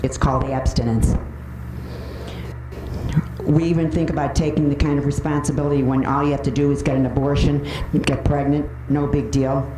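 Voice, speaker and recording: At a meeting in an indoor public room, a woman with a low voice reads a prepared public comment in an earnest, pointed manner. Her tone is level and her speed normal. The distant microphone makes the recording roomy and noisy, with clicks.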